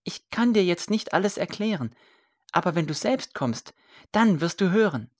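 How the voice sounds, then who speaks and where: A fervent young man, once a royal scribe, as a woman reader puts him on, speaking earnestly and with pressing conviction. The voice sits a little above the reader's own low register. A storybook figure, zealous and defiant. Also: lively intonation, moderate pace, a little mellow. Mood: pleading.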